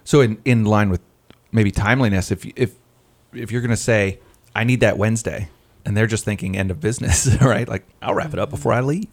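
Low-voiced man hosting a casual chat. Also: fairly quick. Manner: affirming, often says "right" and "yeah". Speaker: podcast host.

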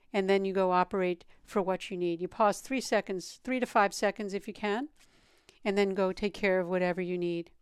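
A woman leading a guided meditation as a teacher, speaking in a calm, meditative tone with a smooth, clear voice. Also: medium pitch, no room sound, studio quality.

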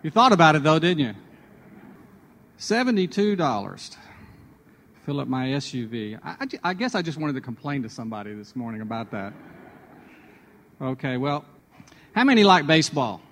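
Radio guy telling a devotional story, kinda high voice, chatty, lots of echo. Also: sing-song, moderate pace, long pauses, a bit bright, a little hiss or hum. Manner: chatty, self-deprecating, with restarts. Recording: long hall reverb.

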